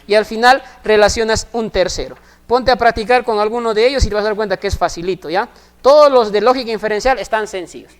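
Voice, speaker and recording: A woman, teaching a recorded math class step by step and often pausing to ask if her students follow. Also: mid-range voice. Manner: explains step by step, constantly checking in with short questions.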